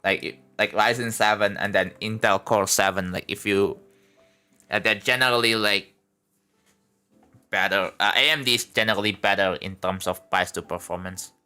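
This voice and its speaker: Streaming from home as he builds a game level, this young man rambles casually and relaxed, peppering his talk with "like" and "bro." His lowish voice stays steady and sharp at a moderate pace, and the sound is clean with faint music behind him.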